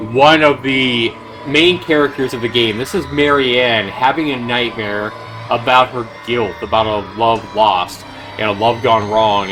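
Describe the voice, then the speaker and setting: A game streamer talks over his livestream in a conversational, emphatic way, sometimes reading on-screen text aloud. His voice is medium in pitch with a fairly bright tone.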